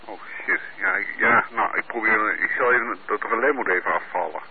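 A lowish male voice comes through a two-way radio, thin, tinny and distant, with a clear hiss over it. He talks in a hesitant, halting way. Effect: heard over a two-way radio link. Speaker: amateur radio operator.

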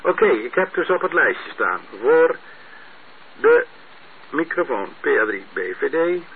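A man's voice: fairly high pitch, sing-song, a little slow, gravelly, slightly rough. A man heard over a two-way radio transmission, running an amateur radio net and reading out call signs with many hesitant fillers. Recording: narrow tinny radio with faint hiss.

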